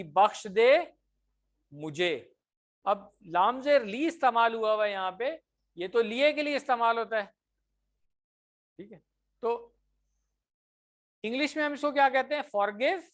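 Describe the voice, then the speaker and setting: A man teaching a class that is also followed online. He explains patiently, checks often that students follow, and slows down on example phrases. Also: high voice, a bit bright.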